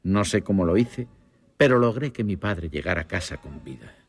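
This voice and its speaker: An actor narrating a dubbed western as a grown son calmly recalling the past, with a husky voice. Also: male voice, low voice, moderate pace, full character voice. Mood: reflective.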